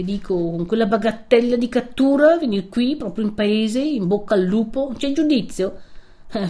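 A woman's voice: fairly low pitch, warm tone, natural voice. A woman voicing a timid, fussy old male village priest who anxiously scolds a young man.

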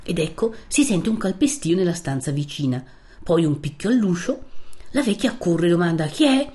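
A woman narrating a literary audiobook in a measured, expressive way. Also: on the low side.

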